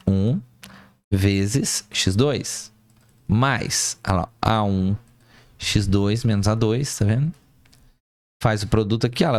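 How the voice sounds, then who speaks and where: In a dry recording, a man with a fairly low voice teaches mathematics at a board. He's a professor who guides students through each step of a calculation, poses his own questions and answers them, and corrects minor slips as he goes.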